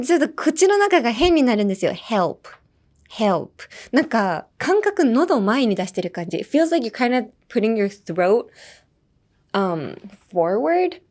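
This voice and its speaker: Lively bilingual woman teaching pronunciation. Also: fairly high pitch. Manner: lively, laughs often, repeats words slowly for practice. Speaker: English pronunciation teacher and host.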